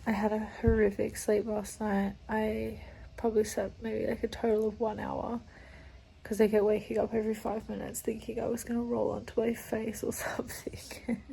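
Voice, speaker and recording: Stuffy-nosed woman, gravelly. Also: a little high, monotone, normal speed, dark tone, rough recording. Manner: chatty, rambling, frequent "like" and "um". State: stuffy, congested nose after surgery; sleepy. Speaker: vlogger. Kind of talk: casual recovery vlog.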